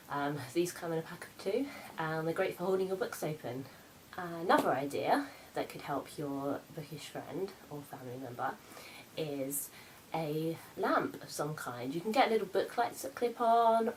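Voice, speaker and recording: A woman's voice: low voice, a little hiss or hum, low-quality recording. A woman playing Santa's sassy, self-important grown daughter in a campy comic vlog, presenting gift ideas theatrically.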